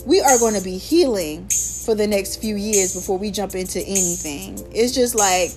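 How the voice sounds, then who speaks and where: A woman's voice: medium pitch, moderate pace, faint music behind. A young American woman hosting her own podcast, talking casually and candidly with lots of slang and swearing while telling stories. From United States. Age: young adult. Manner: candid, profane, animated storytelling with slang. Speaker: podcast host. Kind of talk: casual solo podcast chat.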